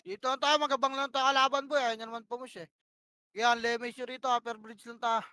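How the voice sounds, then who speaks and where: A woman's voice: on the high side, little pitch movement, fast talker, pushed and bright, smooth, dry recording, clean studio sound. A woman calling plays to her team during an online game, bossy and profane, firing off short repeated commands. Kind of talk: live gameplay shot-calling.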